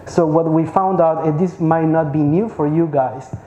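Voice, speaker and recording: A Peruvian man in his thirties gives an informal talk in a large conference hall, often repeating words as he searches for them. His voice is fairly high and steady with a dark tone at normal speed. The recording is muffled, with an echoey hall and faint ambience.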